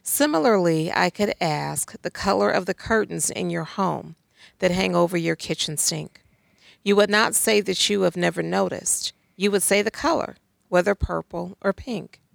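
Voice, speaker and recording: A woman's voice: on the low side, moderate pace, vocal fry, dry recording. A woman speaking as a guest in a conversational talk on faith, making emphatic, pointed arguments with rhetorical questions.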